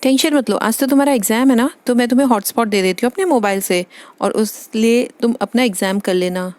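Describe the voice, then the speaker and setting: A woman's voice: a little high, brisk, darkish tone, no echo, close to an everyday voice. A woman voicing a fussy, worried mother doll who frets and scolds in a storybook tale. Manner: fretful, scolding. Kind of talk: Hindi doll story voice-acting.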